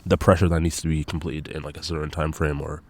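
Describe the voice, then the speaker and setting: A man's voice: a bass voice, level tone, fast. A young man with a congested, nasal voice, rambling casually and swearing often as he hosts his own podcast. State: congested nose. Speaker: solo podcast host.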